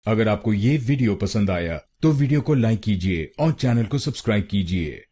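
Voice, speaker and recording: A man narrating a pronunciation tutorial, slow and deliberate, saying each word several times over. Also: fairly low pitch, animated, dark tone, husky. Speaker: pronunciation teacher.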